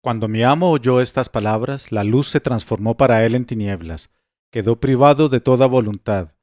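Guy reading an old tale, steady and even, dry recording. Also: mid-range voice, moderate pace, no room sound. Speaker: narrator. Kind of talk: scripted storybook narration.

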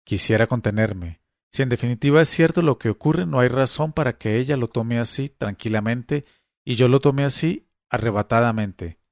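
A man reading a first-person story aloud in a measured, suspenseful way. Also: medium pitch, vocal fry, a little mellow, no room sound, clean studio sound.

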